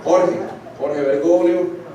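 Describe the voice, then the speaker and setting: In a very echoey church hall, a Colombian man preaches a sermon to his congregation in a slightly high, steady, slow voice. He often asks them "right?" and breaks off to restart sentences, while the distant mic gives dull audio with crowd and room noise.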